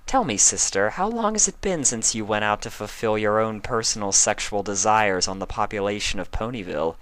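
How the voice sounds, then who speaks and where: A man voicing a gentle, regal pony princess with a soft manner. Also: lowish voice, lively intonation, a little fast, pitched above the performer's own voice. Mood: teasing.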